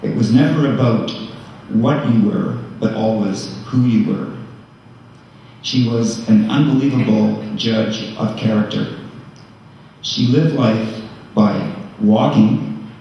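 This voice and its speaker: An older man giving a eulogy for his mother, halting with fillers and gently joking. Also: lowish voice, highs cut off, slight background noise. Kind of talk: memorial eulogy. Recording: echoey hall from far off.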